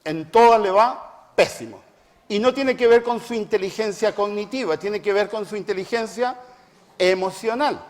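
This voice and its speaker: A middle-aged preacher who is also a family therapist gives a reflective talk full of personal anecdotes. He has a high voice and a moderate pace, and he is emphatic, repeating phrases for stress in a hall with a long reverb.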